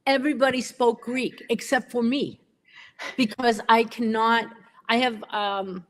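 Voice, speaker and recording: A woman whose first language is English co-hosts a casual pen livestream chat over a video call, talkative, self-deprecating and often laughing. Her voice is a little high, with fairly even intonation and a measured pace.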